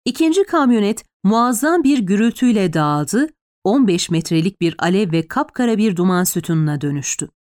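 A woman's voice: mid-range voice, darkish tone, no room sound, studio quality. A woman narrating a tense, dramatic audiobook.

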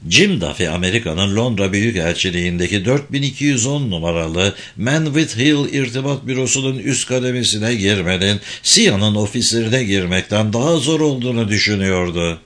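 A man giving steady, scripted narration of a spy thriller audiobook. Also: lowish voice, brisk, few pauses. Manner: steady, even reading.

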